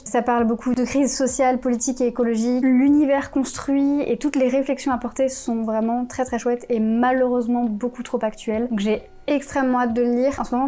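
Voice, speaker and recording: Chatty young French woman, mellow voice. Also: fairly high pitch. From France. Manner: chatty, with many fillers and self-corrections. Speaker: book youtuber. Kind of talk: casual chat.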